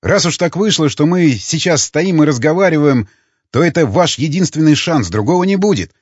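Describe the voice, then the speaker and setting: Husky, hectoring male loyalist, read by a man; lively swings, dry lo-fi audiobook sound. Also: fairly high pitch, normal speed, dry recording, pitched above the performer's own voice. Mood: persuading. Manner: hectoring, argumentative. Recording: dull lo-fi recording.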